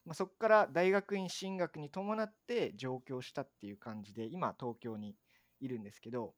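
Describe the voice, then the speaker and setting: A man's voice: medium pitch, moderate pace, no echo, clean studio sound. A young man from Fukuoka, a podcast host, chatting casually and politely and laughing often over a remote call. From Fukuoka, Japan.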